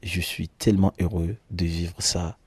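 A man in his thirties from Benin, speaking with a Beninese accent, tells his own story in an interview; he founded a tour agency and works as a nature guide. His low-pitched voice is level, a little slow, darkish and slightly rough, and he repeats words for emphasis. There's no room sound.

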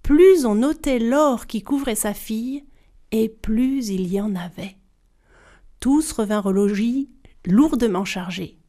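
A woman storyteller with a slightly high voice telling a folktale aloud. She is lively and expressive, speaking directly to her listeners. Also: slow.

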